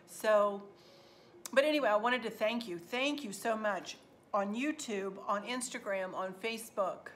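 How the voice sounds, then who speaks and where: A woman, chatting warmly to viewers in a home vlog from her kitchen and often repeating words for emphasis. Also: mid-range voice, measured pace, a little hiss or hum. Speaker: vlogger.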